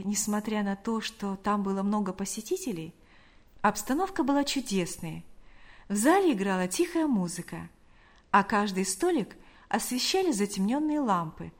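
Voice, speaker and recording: A woman narrates an audiobook in a measured, expressive reading. Her voice sits at a middle pitch. She reads steadily through the story. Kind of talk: scripted narration.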